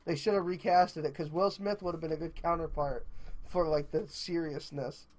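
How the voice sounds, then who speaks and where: A man's voice: on the high side, fairly even intonation, normal speed, darkish tone. A young man interviewing a friend in casual chat, blunt and opinionated, swearing freely.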